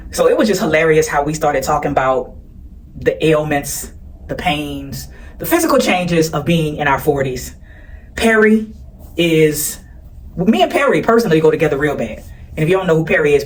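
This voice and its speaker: In a rough-sounding recording, a fairly low-voiced woman in her forties vlogs casually, chatting directly with her audience and calling them y'all.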